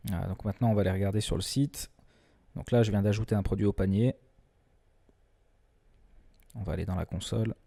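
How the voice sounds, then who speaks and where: A man presenting a screen-recorded software tutorial in a relaxed, chatty way, often hesitating and restarting his sentences. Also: fairly low pitch, a little fast, creaky, long pauses. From France. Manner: self-deprecating humor.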